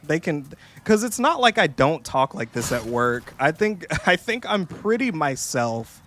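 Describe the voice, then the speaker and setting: Young male game streamer, loose and profane, fond of mocking put-on voices, slightly high, sharp-edged tone. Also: sing-song, unhurried, a little hiss or hum. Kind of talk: casual gameplay streaming chat.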